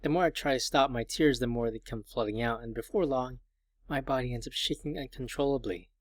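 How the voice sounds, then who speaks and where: A man reading the quiet, confessional inner monologue of a lonely, fearful teenage schoolgirl in a visual novel. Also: mid-range voice, fairly quick, no echo, clean studio sound, natural voice.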